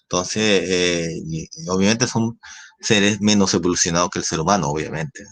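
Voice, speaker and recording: A man's voice: low-pitched, moderate pace, fairly bright tone. A man with a Chilean accent, a science teacher explaining a lesson and often checking in with tag questions. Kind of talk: recorded class lecture.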